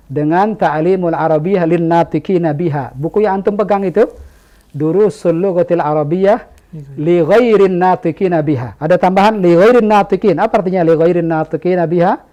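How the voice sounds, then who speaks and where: A man with a fairly high voice, a native Indonesian speaker, teaching an Arabic lesson to a class. He talks in a lively, emphatic way and throws questions at the room, then answers them himself. He leans hard on the key words. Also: muffled recording. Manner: animated, stresses key words. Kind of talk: classroom lecture.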